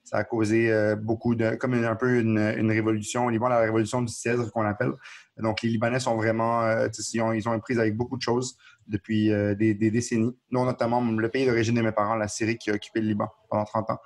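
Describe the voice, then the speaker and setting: Quebec guy explaining the news fast, keeps restarting, pretty flat delivery. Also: fairly low pitch. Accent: Quebec French. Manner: earnest, explanatory, frequent restarts. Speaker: podcast co-host. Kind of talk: casual current-affairs discussion.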